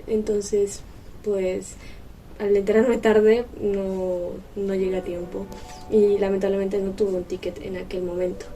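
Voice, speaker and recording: A woman vlogger and host whose first language is Spanish chats casually to camera, explaining things conversationally. Her voice is mid-range and dark. The mic is distant, with music playing behind.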